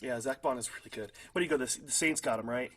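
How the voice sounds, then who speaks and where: A man's voice: medium pitch, fast, fairly bright tone. A young man co-hosting a casual football podcast, chatty and hedging with fillers, often laughing at his own hot takes. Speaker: podcast co-host. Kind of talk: casual sports chat.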